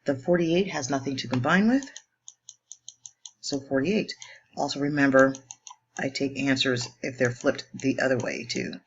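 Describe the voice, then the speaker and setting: A woman math teacher working through homework problems step by step in a brisk, upbeat way, joking now and then at her own expense. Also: a bass voice, lo-fi sound, a little hiss or hum. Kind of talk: homework walkthrough lesson.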